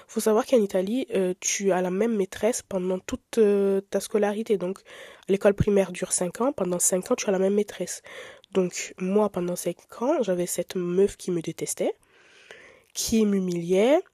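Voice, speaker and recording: A woman's voice: medium pitch, no echo, clean studio sound. Candid young woman hosting a podcast. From Italy. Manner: candid, expressive, chatty with filler words. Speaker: podcast host. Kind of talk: casual podcast monologue.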